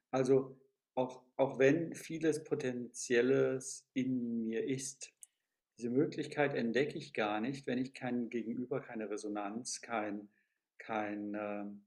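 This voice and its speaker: Slow, reflective man thinking aloud. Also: medium pitch, a little mellow. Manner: thoughtful, searching for words with many filler sounds. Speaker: guest discussing education theory. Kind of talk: reflective conversation.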